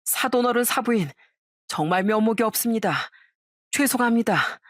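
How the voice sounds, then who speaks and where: A woman's voice: on the high side, normal speed, no room sound, studio quality, pitched above the performer's own voice, lightly acted. A woman voicing an exasperated middle-aged father angrily sending his ex-wife away. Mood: angry. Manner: exasperated, urgent.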